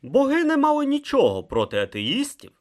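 An audiobook narrator reading with dramatic, expressive delivery. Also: sits high, normal speed.

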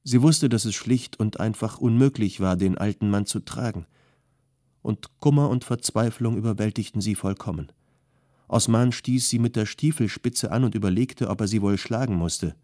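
A man narrating an audiobook in a calm, measured storytelling manner. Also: lowish voice, no echo, clean studio sound. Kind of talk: scripted narration.

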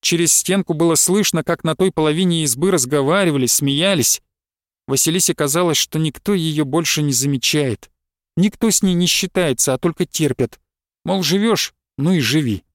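A man's voice: a little high, dry recording. Man reading a story, dry close sound. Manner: calm, measured storytelling. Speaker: narrator. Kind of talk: audiobook reading.

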